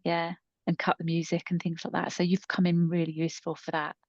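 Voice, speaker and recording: Brisk and monotone, with a fairly low, slightly mellow voice, a woman in her fifties rambles through casual stories on the podcast she co-hosts. She is a coach who often turns humor on herself, and the sound is muffled and echoey, as if in a large room.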